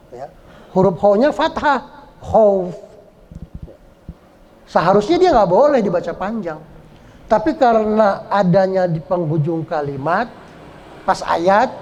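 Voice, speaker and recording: A man teaching Quran recitation rules, explaining patiently, repeating words and chanting verses slowly. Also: high-pitched, a little mellow, a little hiss or hum. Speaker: Islamic teacher. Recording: dull lo-fi sound.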